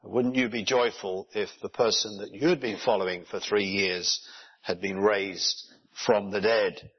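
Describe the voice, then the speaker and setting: Brief: husky-voiced male pastor, earnest explanatory sermon, muffled lo-fi sound. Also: fairly low pitch, fairly even intonation, unhurried. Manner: earnest, explanatory, with rhetorical questions. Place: church in Japan. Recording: dull lo-fi recording.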